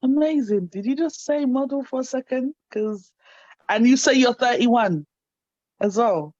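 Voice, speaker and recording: A woman's voice: fairly high pitch, unhurried, a little mellow, no room sound. A woman in her thirties hosting an online interview show, enthusiastic and affirming. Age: 30s. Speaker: host. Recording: dry, slightly dull sound.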